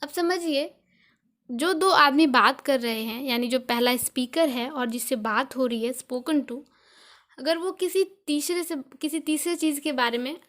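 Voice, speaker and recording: A woman's voice: high-pitched, unhurried, fairly bright tone. A young Indian woman teaching English grammar in a video lesson, patiently repeating each point with examples.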